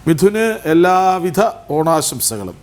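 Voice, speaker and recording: Male TV host; slightly raised pitch, effusive and formal, praising the guest. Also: lively intonation, slow pace, a little mellow. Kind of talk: television interview hosting.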